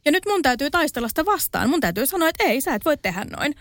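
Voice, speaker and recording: A woman's voice: sits high, very animated, a bit bright, no echo. A young woman guest in a casual studio chat, talking frankly and getting heated as she tells her stories. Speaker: podcast guest.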